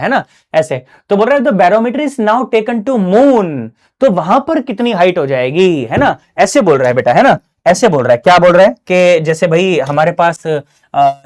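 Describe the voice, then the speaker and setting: A man teaching physics in a relaxed, slangy online lesson from a small closed studio, who keeps checking in with his students. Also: on the high side. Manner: chatty, slangy, keeps asking "है ना?". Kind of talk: casual online exam-prep lesson.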